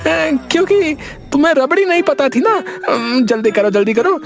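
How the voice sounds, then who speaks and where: A high, whiny fool of a husband. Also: male voice, big pitch swings, normal speed, full character voice. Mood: boastful. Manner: whiny, nasal and silly, often cries out. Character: foolish, dim-witted village husband. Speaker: comic lead. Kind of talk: cartoon voice acting. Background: background music.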